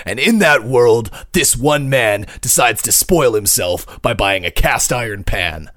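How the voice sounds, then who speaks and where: A man voicing a mock-epic male movie trailer announcer, drawing out each phrase slowly. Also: mid-range voice, animated, fairly bright tone, dry recording, clean studio sound. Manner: slow, drawn-out delivery.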